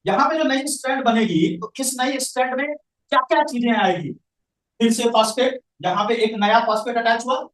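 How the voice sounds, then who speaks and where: This man's voice is very high and fairly bright, at a moderate pace. A science teacher addressing a class, he quizzes the students and then supplies his own answers, heard distantly in an echoey space.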